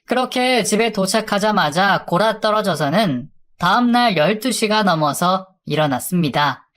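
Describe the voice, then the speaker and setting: A woman's voice: mid-range voice, animated, moderate pace, fairly bright tone. A woman narrating her own life story in a confiding, conversational storytelling manner.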